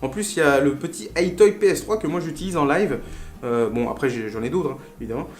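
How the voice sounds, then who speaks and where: A man's voice: a little high, fast talker. A man hosting a casual unboxing video, talking in a chatty, playful way with lots of fillers and asides. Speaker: retro game collector and video host. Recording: roomy echo with faint music.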